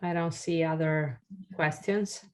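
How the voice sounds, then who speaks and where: This is a webinar presentation and Q&A for founders, delivered by a woman whose first language is Italian, speaking over a video call. She talks slowly in a low voice with fairly even intonation, sounding hesitant, with many fillers and restarts.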